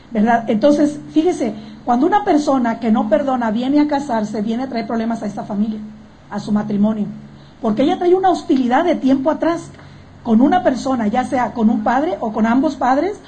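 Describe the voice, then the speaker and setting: High-voiced woman preaching. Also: warm tone, slight background noise. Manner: emphatic, asks the congregation rhetorical questions. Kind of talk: sermon.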